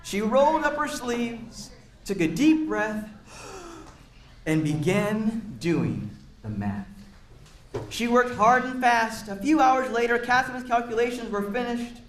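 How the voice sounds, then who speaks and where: Slow and expressive, a man with a very high voice reads a picture book to a gathering of children indoors. His asides explain words and ask the kids questions as he encourages them, and the room's echo is audible.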